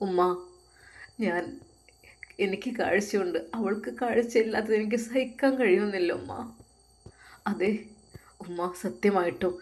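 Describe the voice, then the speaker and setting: A woman's voice: medium pitch, unhurried, pauses often, darkish tone, close to an everyday voice. A woman doing young male cleric, sobbing and pleading, devout. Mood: grieving plea. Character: young male religious teacher, tearful and devout.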